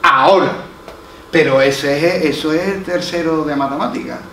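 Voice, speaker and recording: A man's voice: a little high, normal speed, fairly bright tone. A man with an Andalusian Spanish accent, a pastor preaching a sermon, telling a story and acting out the voices in it, repeating his key lines for emphasis. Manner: storytelling, acts out quoted voices, emphatic repetition. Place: church hall. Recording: roomy, from far off, faint noise.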